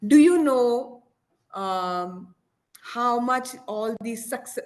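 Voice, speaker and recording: Animated woman giving a talk. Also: on the high side. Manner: animated storyteller, checks in with "okay?". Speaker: guest speaker. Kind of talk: motivational talk mixing English and Hindi. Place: at home.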